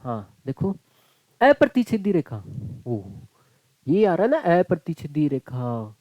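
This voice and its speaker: A man's voice: on the high side, very animated, measured pace, dark tone, no echo, lo-fi sound. A man teaching a maths class online, chatty and joking, calling his students "beta" and "bhai".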